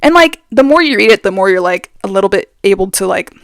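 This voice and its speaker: A woman's voice: mid-range voice, expressive, fast talker, no echo. Young woman, casual vlog chat, opinionated, filler-heavy, close dry mic. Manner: chatty, opinionated, lots of fillers. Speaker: vlogger.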